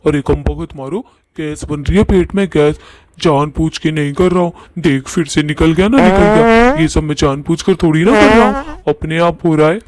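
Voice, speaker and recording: A man's voice: fairly high pitch, normal speed, a little mellow, no echo, close to an everyday voice, rough recording. A man doing a grumpy old blue ghost. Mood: defensive. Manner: bossy, scolding, defensive. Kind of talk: cartoon voice acting.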